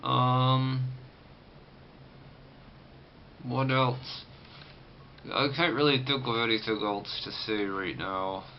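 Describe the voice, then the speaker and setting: Male vlogger, casual and halting, sore jaw with clenched articulation, mid-pitched, muffled noisy home-video sound. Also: flat delivery. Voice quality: restricted, tight-jawed articulation from a banded, sore jaw after surgery. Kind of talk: casual first-person recovery vlog. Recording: muffled, lo-fi camera audio with clear background noise.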